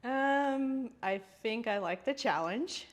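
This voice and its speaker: A woman's voice: fairly high pitch, animated, slow pace. A woman from Latvia, a guest interior designer in a podcast interview, thoughtful and searching for words with frequent laughter.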